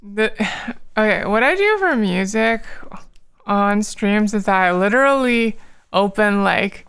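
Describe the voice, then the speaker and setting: Woman, streamer, tired, casual chat while drawing, unhurried, fry in the voice. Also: medium pitch, expressive. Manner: rambling, many fillers, soft laughs.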